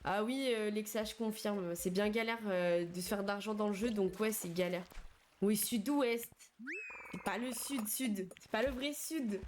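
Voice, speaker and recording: A young woman streamer chats casually and slangily with her viewers while she plays, answering their messages as they come in. Her mid-range voice is unhurried, with a little hiss or hum and faint game music in the background.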